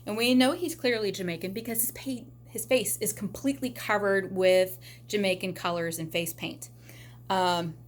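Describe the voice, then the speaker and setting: A woman telling a funny story in a casual, wry, animated way, with exasperated asides. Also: medium pitch.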